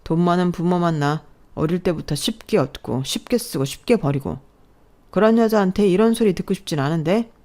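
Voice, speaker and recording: A woman's voice: lowish voice, a little fast, warm tone, lightly acted. A woman voicing an arrogant young man who is being exposed as a fraud, talking in a scornful, defensive way.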